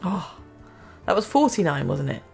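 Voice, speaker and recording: A woman with a fairly low voice talks her way through a city-building game. She chats to herself and the game in a self-mocking way, with faint music underneath. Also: lively intonation, unhurried. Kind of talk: casual gameplay commentary.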